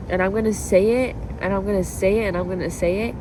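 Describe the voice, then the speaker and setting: A woman's voice: medium pitch, steady tone, quick pace, background noise. A woman vlogger chatting casually and confessionally, rambling and introspective, repeating herself and often saying "like". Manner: rambling, introspective, frequent "like" and repetition. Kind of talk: casual confessional chat to camera.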